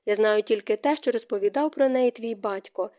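A woman voicing a gentle, remorseful middle-aged stepmother who speaks softly and tearfully. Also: fairly high pitch, brisk, lightly acted. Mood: sorrowful. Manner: soft, hushed, tearful delivery.

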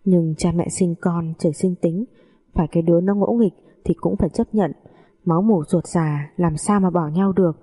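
A woman narrating a first-person family story in a steady, confiding manner. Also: lowish voice, moderate pace, breathy edge.

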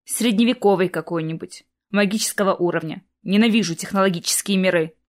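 A woman's voice: mid-range voice, a little fast, lightly acted. A woman voicing a gloomy, exhausted man who talks sullenly and flares up in anger.

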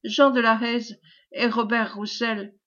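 Brief: woman voicing a humble, fervent peasant man recounting a tragedy, higher pitch, dull lo-fi recording. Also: flat delivery, slow, a bit bright. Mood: earnest.

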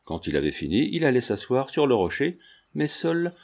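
A man reading a novel aloud in calm, measured scripted narration. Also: medium pitch, gravelly. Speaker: audiobook reader.

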